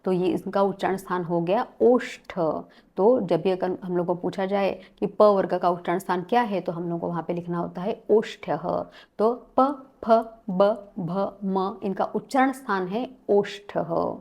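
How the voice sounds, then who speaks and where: A woman's voice: lowish voice, normal speed, creaky, darkish tone. A woman teaching a Sanskrit lesson, listing sounds one at a time and mixing English words into her speech. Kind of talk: spoken classroom-style lesson.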